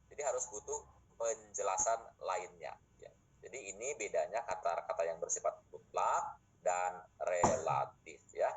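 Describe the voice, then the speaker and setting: A man's voice: lowish voice, dull audio, a little hiss or hum. Middle-aged male lecturer teaching a class. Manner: explanatory, with rhetorical questions to students.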